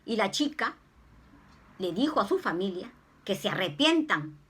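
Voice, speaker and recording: A woman preaching to her brothers and sisters, her voice bright and forceful. She talks in a lively, swooping way and often jumps into high squeals when she acts out her own words. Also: measured pace, husky. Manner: animated, swings into high squeals when quoting herself. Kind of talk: sermon testimony.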